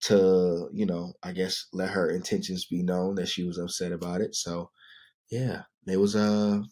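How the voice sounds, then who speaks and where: A man in his thirties with a very low, deep voice, chatting casually as a podcast co-host. He tells stories in an easygoing way, full of "you know" and "like". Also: measured pace. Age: 30s. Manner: relaxed storytelling, many fillers. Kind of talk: casual chat.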